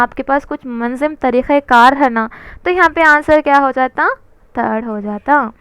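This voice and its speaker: A woman's voice: high voice, fairly bright tone, dry recording. A woman teaching an exam-prep lesson, asking questions and answering them herself, with English terms mixed in.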